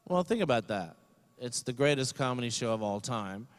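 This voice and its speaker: A man's voice: mid-range voice, expressive, normal speed. Rambling, self-mocking older man at a podium. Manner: rambling, self-deprecating, many fillers. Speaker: commencement speaker. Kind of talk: comedic commencement speech. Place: graduation ceremony.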